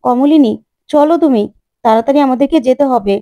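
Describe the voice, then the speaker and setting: A woman's voice: high voice, a little fast, mellow, dry recording, natural voice. A woman voicing a firm, urgent stepfather hurrying the family along.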